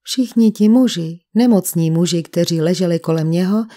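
A woman narrating a detective story audiobook at a steady, measured pace. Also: lowish voice. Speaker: audiobook reader.

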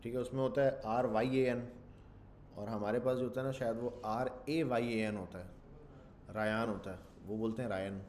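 A man's voice: mid-range voice, steady tone, moderate pace, darkish tone, a little hiss or hum. A man teaching a casual coding lecture, thinking aloud and slipping English terms into his talk. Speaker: programming instructor.

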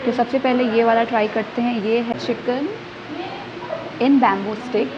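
A young woman films a casual food review vlog on a phone held at arm's length, in a small indoor restaurant and outside its entrance. Her slightly high voice is fairly even and measured, chatting about each dish as she tastes it, though the recording is muffled with background noise.

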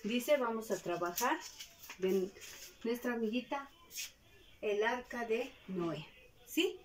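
A woman's voice: on the high side, animated, slow pace. A woman teaching a preschool class, singing a children's song and then telling a story in a sing-song, affectionate way with frequent tag questions. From Peru. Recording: distant mic with faint noise.

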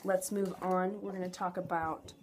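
A woman's voice: lowish voice, level tone, normal speed. A young adult woman giving a casual, enthusiastic product review to camera in an informal way. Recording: noticeable background noise, home camera audio.

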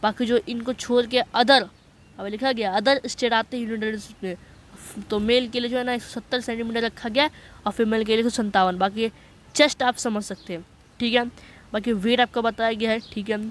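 A man walking viewers through a job notice in a voice-over on a screen recording. He talks in a chatty way, keeps checking that listeners follow, and reads English passages slowly. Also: very high-pitched, fairly even intonation, fairly bright tone. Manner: chatty, repeats "okay" to check understanding. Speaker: online job-notice explainer.

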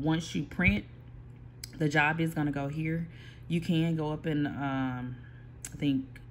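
In an easygoing, mid-pitched voice, a small print shop owner explains a computer workflow step by step in a casual screen-recorded tutorial, pausing and starting over as he goes. A phone pointed at the screen of his indoor computer workspace records him, with a faint hum underneath.

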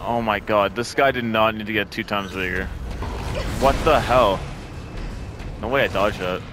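Young dude playing a scary game, keeps yelling oh my god and cussing, music going behind him. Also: male voice, fairly low pitch, moderate pace. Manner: swearing, excited exclamations. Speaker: gamer playing a horror game. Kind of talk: casual let's-play chat.

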